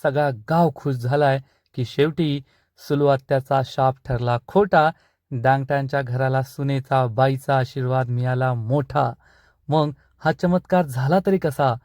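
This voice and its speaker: A man's voice: mid-range voice, measured pace, no room sound, studio quality. A man narrating a recap of a TV serial episode. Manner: storytelling, animated retelling.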